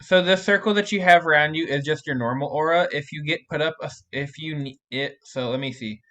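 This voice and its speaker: A man's voice: a little high, brisk, a bit bright. A man running a tabletop game as game master on a livestream, thinking aloud with many restarts.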